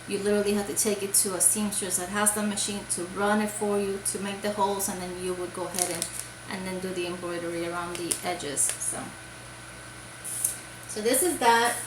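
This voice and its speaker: A crochet vlogger from Puerto Rico chats casually about crafts for her video in a show-and-tell style. Her mid-range voice rambles, with lots of fillers and restarts. There's background noise and an echoey room.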